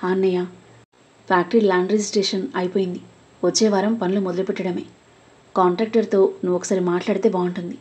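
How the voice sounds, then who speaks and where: A woman voicing an earnest young man, a younger brother, who talks briskly in an audio story. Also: medium pitch, little pitch movement, darkish tone, lightly acted.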